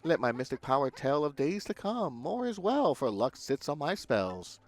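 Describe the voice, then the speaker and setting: A man's voice: fairly high pitch, very animated, normal speed, voice pushed up. A man voicing a cheery, mystical female fortune-teller shopkeeper from a video game, reciting rhymes in a sing-song way. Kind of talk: video game dialogue read aloud.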